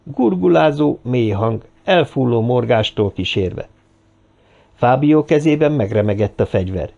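A man narrates an adventure audiobook at an even, measured pace. His voice is gravelly and warm-dark, with plenty of fry. The recording has a slightly dull, lo-fi sound. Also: mid-range voice. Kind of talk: scripted narration.

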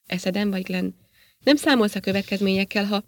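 A woman's voice: mid-range voice, dry recording, lightly acted. A woman reading the lines of a cynical, threatening male police sergeant in an audiobook, with a sneering, menacing delivery. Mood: stunned.

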